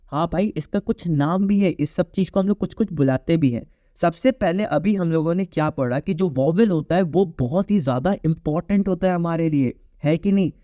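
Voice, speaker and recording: A man's voice: a little high, warm tone, dry recording, clean studio sound. A man teaching an online phonetics lecture in Hindi mixed with phrases, explaining patiently and asking the class questions. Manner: mixes English phrases into Hindi.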